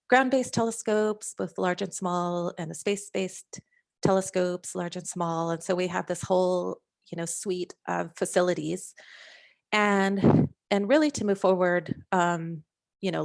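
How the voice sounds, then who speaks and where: A woman gives a science overview over a video call, her low voice carrying a gravelly fry. She speaks in a halting, hesitant way and fills pauses with frequent ums and restarts as she walks through her slides. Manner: hesitant, many fillers and restarts. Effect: heard over a video call. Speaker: scientist presenting a working-group overview. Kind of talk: slide presentation.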